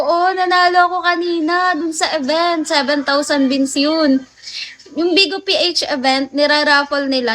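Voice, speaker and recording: On a late-night phone livestream, a Filipino woman chats casually with her viewers, telling stories and laughing often. Her voice is extremely high, pushed and bright.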